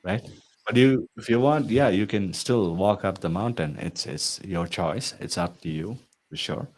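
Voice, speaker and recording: A man working as an IT consulting coach speaks to viewers persuasively and earnestly for promotion, his low, darkish voice moving at a measured pace with lively intonation. He habitually tags statements with "right?".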